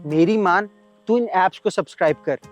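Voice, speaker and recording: Man doing pushy smooth-talking buddy, coaxing, music in back. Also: high voice, normal speed, lightly acted. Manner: coaxing, persuasive.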